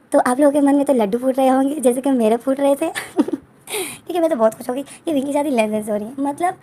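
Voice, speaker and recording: A woman's voice: sits high, a little mellow. A woman casually retelling a romance fan story, chatty and enthusiastic, with asides to her viewers.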